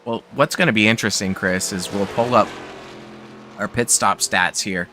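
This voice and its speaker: A Canadian man calling an online truck race as lead commentator, relaxed and chatty. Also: on the low side, moderate pace, slight background noise. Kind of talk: sim racing commentary.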